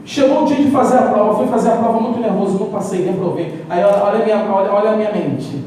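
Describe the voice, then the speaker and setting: A man with a Brazilian Portuguese accent preaching a sermon and telling lively personal stories, acting out his own doubts. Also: high-pitched, quick pace, a little hiss or hum. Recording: echoey hall, mic far off.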